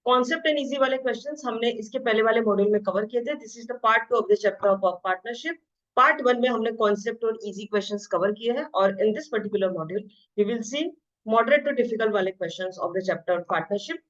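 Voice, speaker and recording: A woman teaching an exam-prep math lesson, switching between Hindi and English. She reads the questions out slowly and explains them quickly. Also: fairly high pitch. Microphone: screen-share voice recording. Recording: slightly dull lo-fi audio.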